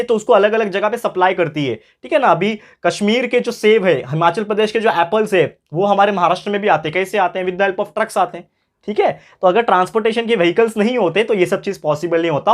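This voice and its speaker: A male tutor from India giving a classroom lecture, repeating key phrases slowly and asking his students questions. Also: high-pitched. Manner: mixes English phrases into speech.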